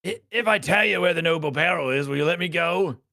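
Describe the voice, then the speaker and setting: A man voicing a nervous captured male bandit who pleads in a high, rushed voice. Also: vocal fry, sharp tone. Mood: pleading.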